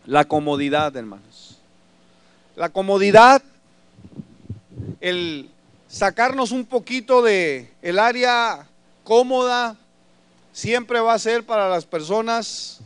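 Male pastor, animated storyteller, high and resonant, preaching to the brethren. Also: smooth, no echo. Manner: animated storyteller addressing the congregation as brothers. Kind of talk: sermon.

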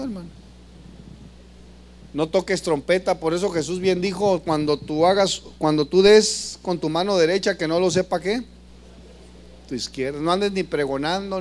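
A man preaching a sermon as pastor, asking the congregation questions and swinging between loud passages and soft ones. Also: a little high.

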